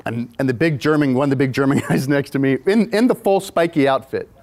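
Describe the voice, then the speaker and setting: A man's voice: medium pitch, fairly quick, a little mellow. A man, a film director, casually telling an anecdote in a rambling way with frequent restarts. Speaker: music video and film director, guest.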